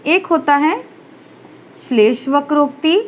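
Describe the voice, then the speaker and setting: Woman, Hindi teacher, high voice, unhurried, exam-prep lesson, asks and answers herself. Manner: explains step by step, asks and answers her own questions.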